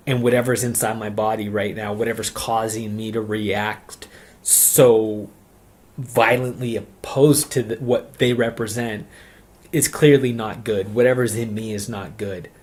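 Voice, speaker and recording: A man telling his personal conversion testimony in an earnest, halting way, repeating phrases and often saying "like". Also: lowish voice, steady tone, darkish tone. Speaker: speaker giving a religious testimony.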